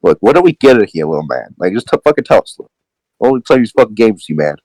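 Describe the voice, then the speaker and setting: A man's voice: lowish voice, sing-song, fast, darkish tone, no echo, voice pushed up, poor audio. A man voicing an impatient, agitated brother who swears as he demands answers. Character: agitated, crude adult brother.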